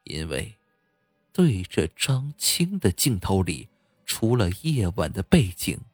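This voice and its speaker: Slow, husky man telling a ghost story. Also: dry recording, faint music behind. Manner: slow, suspenseful storytelling with lively pitch. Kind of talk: scripted horror narration.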